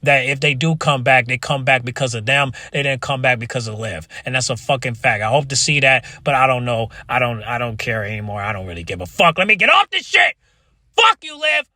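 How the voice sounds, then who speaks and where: A man delivering a casual, opinionated rant to viewers as a video creator, exasperated and repetitive, with halting restarts and frequent swearing. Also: medium pitch, steady tone, pushed and bright, no echo. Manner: swears freely. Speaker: wrestling commentary video creator.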